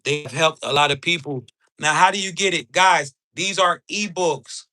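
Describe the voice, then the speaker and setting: A man streams live, selling spiritual ebooks to his chat with an informal, emphatic pitch. His tone is bright and forceful, and he speaks in slang packed with frequent tag words.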